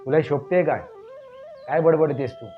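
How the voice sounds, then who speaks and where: A man's voice: a little high, moderate pace, close to an everyday voice. A man voicing an insistent young man who has just come home, speaking in his own plain voice. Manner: insistent, pleading. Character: young man returning home, puzzled then angry. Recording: dull lo-fi recording with faint music.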